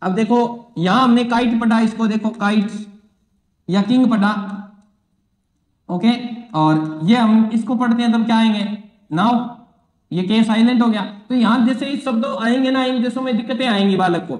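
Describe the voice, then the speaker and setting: A man's voice: very high-pitched, moderate pace. A man teaching an exam-prep psychology lesson, repeating key phrases and asking and answering his own questions. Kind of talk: exam-prep classroom lecture. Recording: echoey room.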